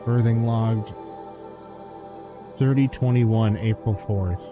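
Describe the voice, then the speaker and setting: A man's voice: on the low side, fairly even intonation, takes it slowly, lo-fi sound, music in the background. A man streaming a video game, thinking aloud with wry remarks. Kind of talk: casual gameplay commentary.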